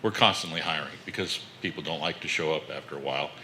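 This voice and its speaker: A man with a very deep voice gives a rambling report at a board meeting, full of pauses. His tone is very bright and sharp. Faint meeting-room hum sits under him. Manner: loose, filler-heavy report. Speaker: board trustee giving a report.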